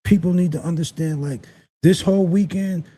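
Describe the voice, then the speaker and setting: Male co-host, slightly high, husky and mellow, emphatic delivery. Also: steady tone, normal speed. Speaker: co-host of a live community talk show. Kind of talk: casual commentary.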